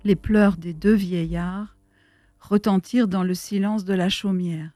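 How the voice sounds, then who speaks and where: Casting: a woman narrator, slow and mellow, solemn storybook reading. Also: medium pitch, steady tone, soft background music.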